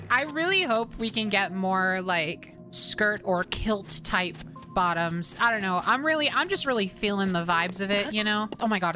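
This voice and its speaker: A woman streaming a game live, chatting and commentating excitably, swearing, squealing and laughing as she plays. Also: on the high side. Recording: game music playing underneath.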